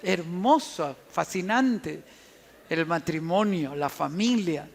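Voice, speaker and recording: A man giving a sermon-style talk on family and forgiveness, an animated storyteller who repeats words for emphasis. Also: on the high side, takes it slowly, vocal fry. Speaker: family counselor and speaker.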